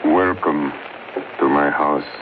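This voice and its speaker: A courtly ancient vampire count speaks in a very deep, solemn voice with polite menace. It is 1930s radio drama, distant and thin like an old broadcast. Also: male voice, steady tone, slow pace, narrow, tinny audio, noisy background. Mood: solemn welcome. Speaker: actor playing the villain.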